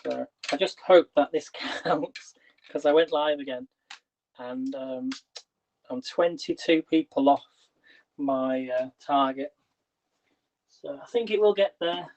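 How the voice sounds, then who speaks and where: A man with a fairly high, darkish voice speaks slowly with long pauses while hosting a casual kitchen livestream, and he's losing his voice. He chats and rambles, restarting his questions to viewers. The dull lo-fi stream audio carries slight background noise.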